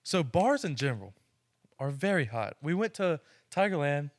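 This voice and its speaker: An eager young man co-hosts a laid-back podcast. His pitch sits a bit high and swings widely. The recording is dry. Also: big pitch swings, moderate pace, dry recording. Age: young adult. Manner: eager, jumpy, keeps saying hear me out. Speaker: podcast co-host. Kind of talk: casual chat.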